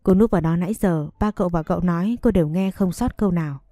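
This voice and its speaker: A woman narrating an audio story with a steady, dramatic reading. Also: lowish voice, fast talker, dry recording, clean studio sound. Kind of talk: scripted narration.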